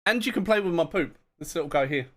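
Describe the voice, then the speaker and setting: A man's voice: on the high side, animated, fast talker, a bit bright. A man chatting casually on a live game stream, rambling, self-mocking and laughing often. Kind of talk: casual live-stream chat while gaming.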